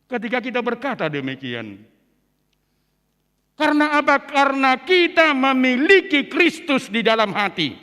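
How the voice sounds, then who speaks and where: In a big church, a pastor from Indonesia delivers a sermon in an extremely high, sing-song voice that is unhurried and sharp. Switching back and forth between two languages, he climbs to emphatic high points. Long reverb from the church hall fills the recording.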